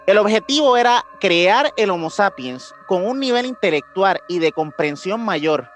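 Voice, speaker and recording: With music in the background, this podcast co-host speaks in a high-pitched, sing-song voice at a moderate pace. He has a Latin American Spanish accent and explains things loosely, using colloquial slang and frequent tag questions to get listeners to agree.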